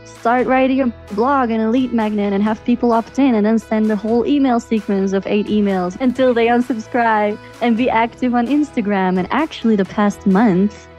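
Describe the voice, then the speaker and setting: A Belgian woman with a Belgian accent, who works as a virtual assistant, answers interview questions casually as a podcast guest. She's chatty, with fillers and restarts, and her medium-pitched voice is a little mellow on a muffled recording.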